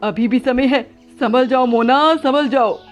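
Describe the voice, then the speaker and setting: A woman's voice: high voice, unhurried, soft background music. A woman voicing a male crow husband who sternly warns his wife. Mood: warning. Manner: stern, warning.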